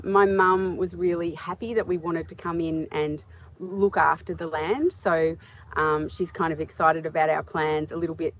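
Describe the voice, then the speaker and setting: A middle-aged woman farmer answering interview questions outdoors in a paddock, thoughtful and full of fillers. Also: lowish voice. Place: open farm paddock outdoors. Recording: dull audio with clear background noise.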